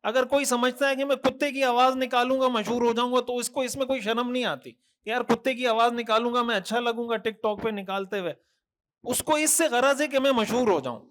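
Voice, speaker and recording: High-pitched earnest preacher man. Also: a bit bright. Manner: rhetorical questions, listing repetitions, earnest admonishing. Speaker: mufti preacher. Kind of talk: Thursday night sermon.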